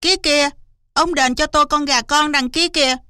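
A woman doing a shrill whiny sly fox. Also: steady tone, moderate pace, bright, forceful tone, no echo, studio quality. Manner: high, shrill, wailing and whining. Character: sly boastful male fox, whiny trickster.

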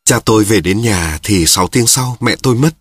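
Husky-voiced man reading a somber story. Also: fairly low pitch, lively intonation, normal speed, no echo, clean studio sound. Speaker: narrator. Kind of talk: first-person story reading.

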